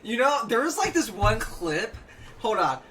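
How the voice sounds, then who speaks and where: A man doing casual video game commentary, excitable, often halting and repeating his words. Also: sits high, a little hiss or hum. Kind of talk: casual gaming chat. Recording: distant mic under loud game music.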